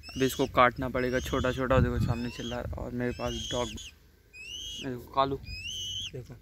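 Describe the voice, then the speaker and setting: A man with a mid-range voice narrates a casual vlog outdoors near trees and a farm, chatting away and constantly urging viewers to look. Birds and animals call in the noisy background.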